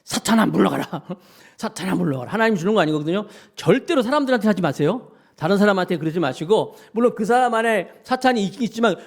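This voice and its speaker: A male pastor giving a lively sermon, acting out grumbling voices and asking his congregation questions. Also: high voice, fast.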